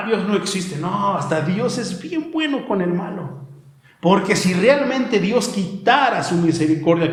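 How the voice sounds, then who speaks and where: Rich A high-voiced man preaches with fervor, calling his listeners "brother" again and again. His voice rings out in an echoey room. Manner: impassioned preaching, often calls out "brother". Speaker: pastor. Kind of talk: sermon. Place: church.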